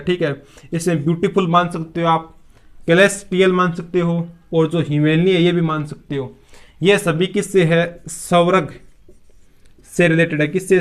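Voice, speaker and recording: A man teaching a vocabulary lesson, asking questions aloud and answering them himself, with English words mixed into his explanations. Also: fairly high pitch. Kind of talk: classroom-style vocabulary lesson.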